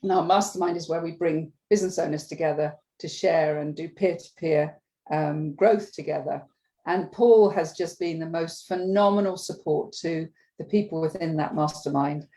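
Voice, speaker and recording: A woman hosting a livestreamed business chat, enthusiastic and talking with frequent ums and pauses. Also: deep voice, warm tone, poor audio. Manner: enthusiastic, hesitant with many ums. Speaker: host.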